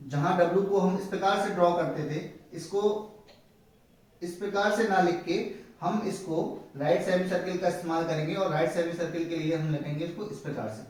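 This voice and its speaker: A man teaching a step-by-step lesson, slow and explanatory, repeating each word as he writes it. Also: high-pitched, a little mellow. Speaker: shorthand teacher. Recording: very echoey room, a bit distant from the mic.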